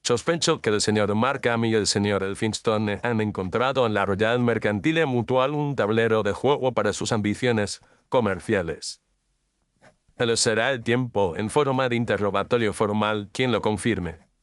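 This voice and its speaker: The Victorian detective, voiced by a man in a Spanish audio mystery drama, sounds assured and composed, his incisive explanations delivered formally and deliberately. His lowish voice has a clean, very dry tone with no room sound, and the acting is light.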